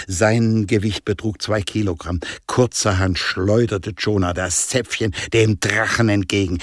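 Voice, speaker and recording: A man narrating an adventure story in a playful, expressive reading style. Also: on the low side, no echo, studio quality. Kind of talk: audiobook narration.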